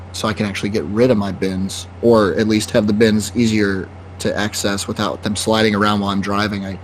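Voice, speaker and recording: A man co-hosting a podcast, chatting in a relaxed, rambling way about his plans. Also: lowish voice, a little hiss or hum. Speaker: podcast co-host. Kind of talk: casual podcast chat.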